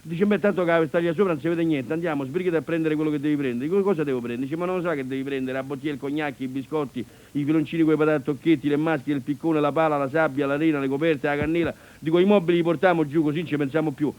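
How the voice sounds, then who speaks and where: A man telling a rapid comic monologue in a 1940s radio broadcast, voicing his wife's lines too. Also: a little high, fairly even intonation, darkish tone. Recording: scratchy 1940s radio recording.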